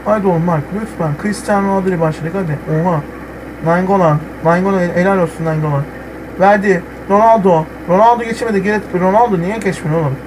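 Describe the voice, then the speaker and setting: A young man playing a football video game, commenting live and swinging from muttering to yelling at the players. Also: sits high, fast, background noise. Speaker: gamer.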